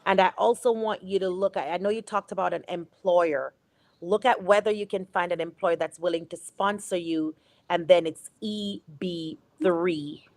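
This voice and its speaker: A woman's voice: lowish voice, steady tone, normal speed, a little mellow. A woman attorney speaking over a dry remote line with no room echo. She answers callers methodically, asking clarifying questions before giving options. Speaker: immigration attorney guest. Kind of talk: advising callers on a live show.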